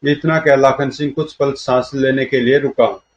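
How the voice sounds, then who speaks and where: A man's voice: mid-range voice, fairly even intonation, normal speed. A man narrating a comic-book story in a dramatic storytelling manner.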